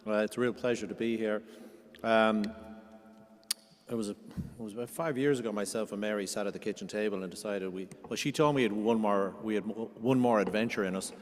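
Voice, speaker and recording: A man's voice: on the low side, fairly even intonation, brisk. A middle-aged Irish man, a diplomat, giving a rambling anecdotal talk full of fillers and restarts. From Ireland. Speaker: diplomat, guest speaker. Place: cathedral. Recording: long hall reverb in a cathedral.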